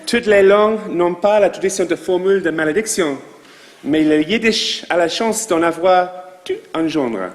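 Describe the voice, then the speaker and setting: Rabbi preaching in French with a foreign accent; slow, fairly high voice, long reverb of a synagogue hall. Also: male voice. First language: not French. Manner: slow, measured delivery with asides to the audience. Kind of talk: sermon to a congregation.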